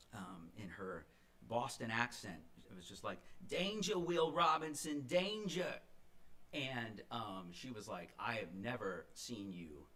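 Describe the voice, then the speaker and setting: A man's voice: low voice, a bit bright, a little hiss or hum. A middle-aged man, a singer-songwriter, telling the story behind a song between numbers of a livestream concert, rambling with many fillers and restarts. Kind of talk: casual storytelling between songs.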